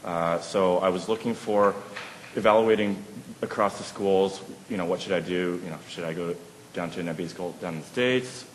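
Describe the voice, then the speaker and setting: A man in his thirties from Vancouver, answering as a panelist in a measured way with frequent fillers. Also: sits low, a little hiss or hum. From Vancouver, Canada. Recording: echoey hall, faint ambience.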